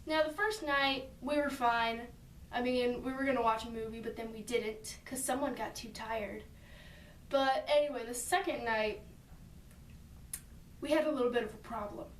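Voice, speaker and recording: A young woman with a slightly high voice tells a story to her friend in a casual, chatty way, stopping now and then with fillers. The sound is roomy and echoey, and she is a bit away from the mic. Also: fairly even intonation, moderate pace, slight background noise. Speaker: vlogger. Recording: roomy echo, mic at a distance.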